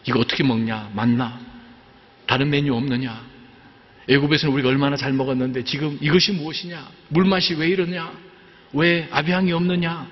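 Petulant grumbling wanderers , put on by a preacher, whiny complaints, echoing hall with dull sound. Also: male voice, on the high side, steady tone, a little fast, close to an everyday voice. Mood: whining. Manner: whining, complaining.

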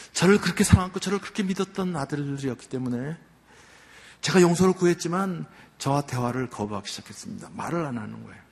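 An older man, a church elder, gives a heartfelt testimony, telling his story earnestly with many pauses. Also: mid-range voice, gravelly. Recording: long hall reverb.

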